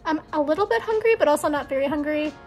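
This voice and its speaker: A woman's voice: high-pitched, animated, fast, darkish tone, faint music behind. A young woman chatting casually in a vlog, rambling with lots of ums and likes. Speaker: vlogger.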